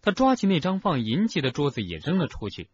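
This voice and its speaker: A man narrating a novel as an audiobook, with expressive storytelling. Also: medium pitch, a little fast, a little hiss or hum. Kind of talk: scripted narration. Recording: dull lo-fi recording.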